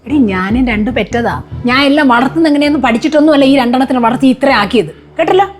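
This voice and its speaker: A woman's voice: high voice, racing, soft background music, lightly acted. An actress playing a domineering older mother-in-law who keeps scolding her daughter-in-law in a short film.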